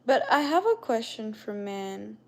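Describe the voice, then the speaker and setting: In a casual livestream, a young host with a non-native English accent greets her viewers by name. Her slightly high, somewhat mellow voice swings widely in pitch, and she never rushes.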